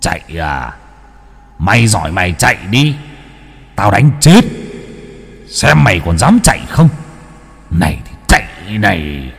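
Guy doing a mean bearded bully with a whip, gruff taunts, husky. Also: deep voice, big pitch swings, a little slow, pauses often, fairly bright tone, long reverb tail, full character voice. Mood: taunting. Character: cruel bearded man with a whip.

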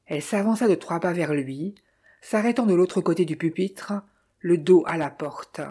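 A woman reading a novel aloud as narrator, in a measured, clear way. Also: fairly low pitch, dark tone. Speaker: audiobook narrator. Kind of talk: scripted narration.

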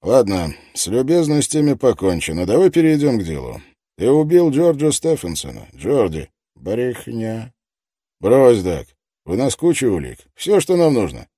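A man's voice: medium pitch, sing-song, moderate pace, warm tone, husky, no echo, studio quality, pitched above the performer's own voice. Man doing a sardonic, needling police detective. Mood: goading. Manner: mocking, pressing, blunt street slang. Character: sardonic male police detective, grilling a suspect.

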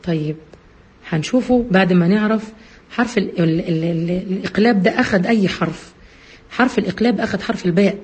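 A woman's voice: fast, darkish tone. A woman with an Egyptian Arabic accent teaching recitation rules, asking her listeners questions and answering them herself. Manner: asks and answers own questions, many fillers. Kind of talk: explanatory lesson, addresses listeners directly. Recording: husky low-bitrate radio-quality audio.

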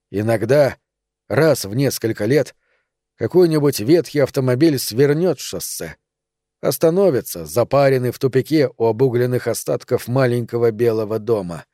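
A man reads a literary story aloud in a measured, dramatic way, letting long pauses hang between phrases. His voice is dark and mellow, and it sounds dry and close with little room around it. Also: mid-range voice, no room sound. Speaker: audiobook narrator. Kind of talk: scripted literary narration.

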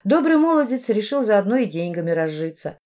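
A woman narrating a first-person audiobook in a reflective, steady way. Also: medium pitch, fairly quick.

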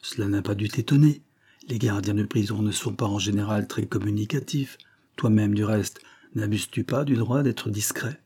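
Agent de police railleur et sentencieux, voix douce, un peu voilée, lu par un homme. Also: male voice, fairly low pitch, fairly even intonation, normal speed, a little mellow, husky. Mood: reasoning. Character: worldly ironic male police agent, blunt.

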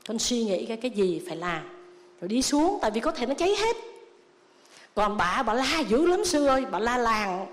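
A Buddhist nun giving a sermon, telling stories and acting out the lines of the people in them. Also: female voice, on the high side, normal speed. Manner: storytelling with lively quoted dialogue. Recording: long reverb of a hall.

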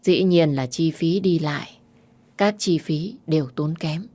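A woman voicing a matter-of-fact hospital doctor who speaks quickly and formally. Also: low voice, dark tone. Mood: clinical.

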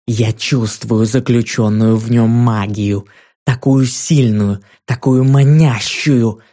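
A man voicing a huge, vain fiery female giant who roars slow threats, in an audiobook reading. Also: medium pitch, fairly even intonation, mellow, natural voice. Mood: menacing.

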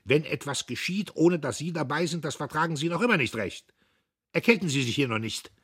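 A man playing an old, bitter foreman, pleading and reproachful, his voice pushed up high and strained. It carries a husky grain, in the manner of a storybook reading. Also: a little slow. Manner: pleading and reproachful, rising to shrill anger.

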